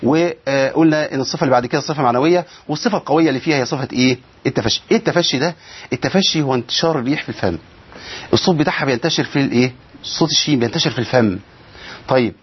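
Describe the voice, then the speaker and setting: Man, Egyptian accent, tajweed teacher, fast talker, dull lo-fi sound, stretches out letter sounds. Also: a little high, slightly rough. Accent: Egyptian Arabic. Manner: explains step by step, asks the class questions and answers them himself. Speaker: Quran recitation teacher. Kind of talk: tajweed lesson.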